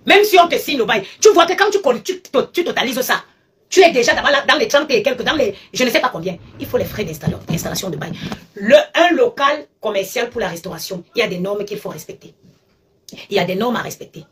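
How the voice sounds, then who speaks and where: A woman's slightly high, expressive voice with a fairly bright tone rushes along at a quick pace as she rants on her live stream. Captured on a phone with a little background noise, she lectures emphatically and circles back to the same points.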